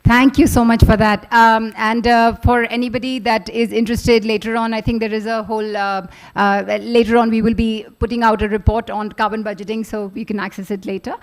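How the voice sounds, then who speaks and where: Woman moderating a panel, higher voice. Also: little pitch movement, brisk, hardly any pauses. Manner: hesitant, many fillers, polite.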